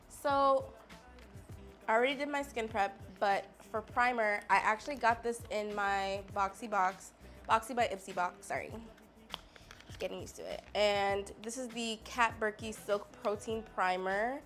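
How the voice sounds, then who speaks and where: A woman's voice: medium pitch, moderate pace, a bit bright, faint music behind. A woman, chatting casually and sassily to viewers while testing makeup. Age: 20s. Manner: chatty, sassy, talks straight to viewers. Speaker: beauty vlogger. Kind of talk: casual makeup haul chat.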